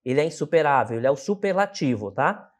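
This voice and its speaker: A man's voice: on the high side, very animated, quick pace. A Brazilian man teaching an English lesson. He explains step by step and keeps checking in with short tag questions. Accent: Brazilian Portuguese.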